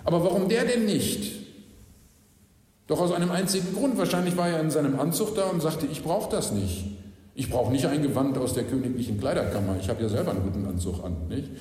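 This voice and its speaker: A man preaching a sermon as pastor, earnest, with rhetorical questions, moving between hushed and emphatic delivery. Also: fairly high pitch. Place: church. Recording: echoey church hall with long reverb.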